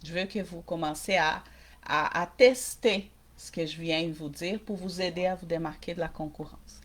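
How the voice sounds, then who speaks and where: A woman's voice: lowish voice, moderate pace. A woman with a mixed Québécois and Brazilian accent, coaching small-business owners in a casual live-stream workshop and often checking in with viewers. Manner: direct, addresses viewers, checks in with "ok?".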